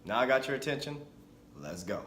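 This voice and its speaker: A fitness coach in his forties speaks fairly quickly at medium pitch, his voice reverberant. He's energetic and chatty in a casual talking-head vlog, correcting himself and starting over often.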